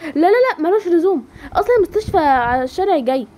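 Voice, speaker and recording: A woman's voice: animated, very fast, mellow, slight background noise. A woman voicing a timid, stammering young woman. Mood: polite. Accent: Egyptian Arabic. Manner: stammering, high and fearful. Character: timid young woman, frightened then shy.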